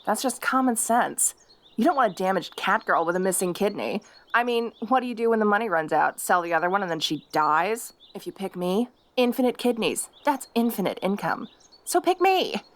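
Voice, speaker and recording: A jealous fox girl, played by a woman in an audio role-play, with a lively, swooping voice. She taunts her rival and makes threats with gleeful, possessive menace. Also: mid-range voice, close to an everyday voice.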